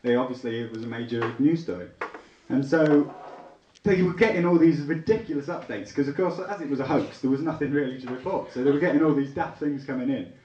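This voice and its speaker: Speaking at a medium pitch and a fairly quick pace, a young English comedian with a Leicester accent touched by Liverpool works a live crowd in a small theatre lounge. He's chatty and bantering, with sudden excited yelps. The distant mic makes the echoey audio dull, and there's slight background noise.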